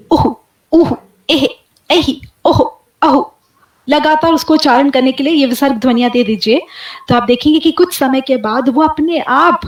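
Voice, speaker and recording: A woman giving a webinar lecture, demonstrating sounds aloud slowly and clearly. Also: high voice, echoey room, poor audio. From India. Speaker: guest lecturer.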